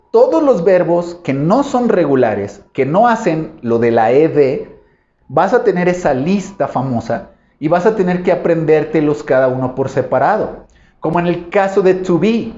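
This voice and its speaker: A man explains English grammar in a patient, step-by-step way, slowing down and stretching example words so learners can hear the endings. His voice sits a little high but sounds soft and mellow. It comes through a dull, lo-fi recording in an echoey room. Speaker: English teacher. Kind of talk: explanatory online lesson. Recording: roomy echo, dull lo-fi sound.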